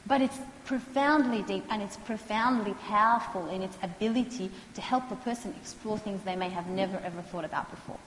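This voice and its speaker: A woman, calmly explaining counselling skills to students and acting out what clients say. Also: mid-range voice. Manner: calm, measured, acts out client quotes. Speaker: counselling lecturer. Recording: echoey hall, faint noise.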